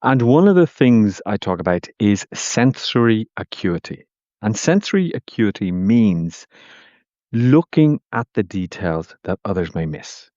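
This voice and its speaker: A man's voice: lowish voice, sing-song, a little slow, dark tone, dry recording, highs cut off. A man with an Irish accent, a communication coach, sharing a casual teaching tip in a chatty, anecdotal way. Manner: chatty and anecdotal, with friendly asides.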